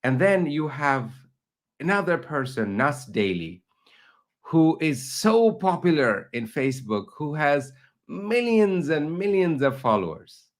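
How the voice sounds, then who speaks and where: A man's voice: fairly high pitch, big pitch swings, unhurried. A middle-aged man from Bangladesh, a teacher and researcher, interviewing a guest online with long, earnest questions. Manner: earnest, builds up long questions, rising emphasis.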